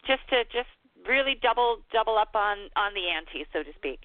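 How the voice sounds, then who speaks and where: A woman calling in to a radio show over a phone line, hopeful and grateful, pausing with fillers as she thinks aloud. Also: medium pitch, animated, no echo. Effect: radio show caller on a phone line. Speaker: caller to a psychic radio show. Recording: tinny phone line with faint hiss.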